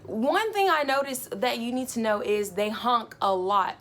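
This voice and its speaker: A woman's voice: fairly high pitch, measured pace. Chatty young woman telling a story. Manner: animated, chatty, full of fillers. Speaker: vlogger. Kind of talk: casual storytime vlog.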